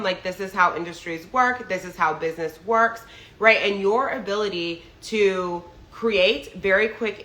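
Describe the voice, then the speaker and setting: In an echoey room, this young woman speaks to her followers with a medium-pitched voice, bright and pushed, nasal as she recovers from a cold. The New York business coach keeps it casual and loose, padding with "like" and repeatedly asking "right?".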